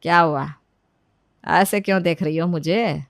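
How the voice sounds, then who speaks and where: A woman voicing a stern, sharp-tongued middle-aged mother-in-law in a cartoon story, with a commanding, scolding manner. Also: lowish voice, measured pace, no room sound, clean studio sound. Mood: gentle.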